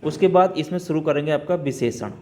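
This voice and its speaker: A man's voice: fairly high pitch, fairly quick, darkish tone, slight background noise. Repetitive man teaching a grammar lesson. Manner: repetitive, keeps checking with "ठीक है" and asking questions back. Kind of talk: spoken Hindi grammar lesson.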